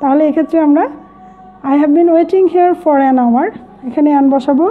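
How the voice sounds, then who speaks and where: A woman teaching an English grammar lesson, mixing English phrases into her explanations and slowly repeating words for her learners. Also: sits high, soft background music. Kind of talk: classroom lesson. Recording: tinny phone-like audio.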